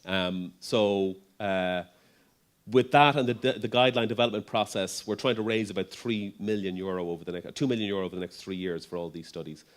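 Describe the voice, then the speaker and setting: A middle-aged man speaking at a medical conference. He talks in a conversational way, with frequent ums and restarts, and his voice sits on the low side. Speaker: neurologist speaker. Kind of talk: conference talk.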